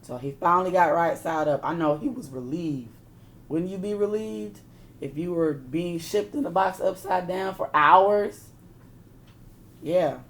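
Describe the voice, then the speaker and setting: With a low-leaning voice and a measured pace, a woman reads a picture book aloud in teacher fashion. Her delivery is expressive, and she slips in relaxed asides that explain and ask her audience things.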